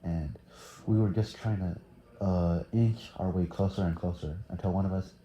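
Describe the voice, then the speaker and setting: A man's voice: deep voice, steady tone, normal speed, mellow, reverberant. A teenage boy from Thailand answering interview questions casually, hesitant with many fillers. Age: teens.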